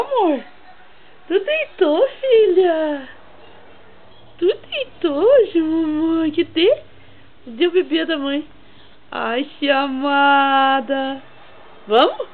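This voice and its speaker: A woman coaxing her dog to bed in singsong baby talk. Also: high-pitched. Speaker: pet owner. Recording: tinny phone-quality audio with loud noise.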